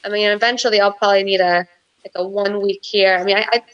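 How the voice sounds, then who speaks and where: A woman's voice: mid-range voice, fast talker, a little hiss or hum. Woman from Costa Rica, distant dull audio. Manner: relaxed, matter-of-fact, light laughs. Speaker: guest, marketing consultant. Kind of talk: casual interview chat.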